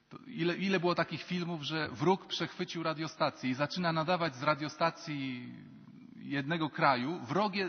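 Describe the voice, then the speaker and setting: A male priest giving a lively sermon in a large basilica. He acts out dialogue with shifting voices. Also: fairly high pitch, slightly rough. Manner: animated, acts out quoted dialogue in changing voices. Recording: long basilica reverb, dull lo-fi sound.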